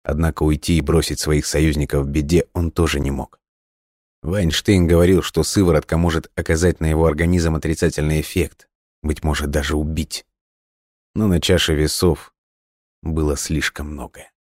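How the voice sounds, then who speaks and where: A man narrating an audiobook in a steady storytelling read. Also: extremely low pitch, normal speed, no room sound, studio quality.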